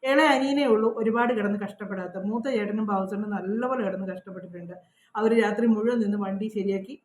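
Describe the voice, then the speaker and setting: Chatty woman from Kerala, quick and echoey. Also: on the high side, a little mellow. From Kerala, India. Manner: chatty and confiding, frequent "kettō" tags. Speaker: vlogger. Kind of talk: casual personal storytelling. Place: outdoors at her old house.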